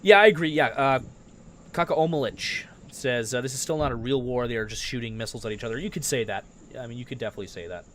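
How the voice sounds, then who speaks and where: A man's voice: medium pitch, rapid-fire, hardly any pauses, a little hiss or hum. A man hosting a live breaking-news stream, reading viewer comments aloud and talking unscripted with frequent fillers. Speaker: livestream news host.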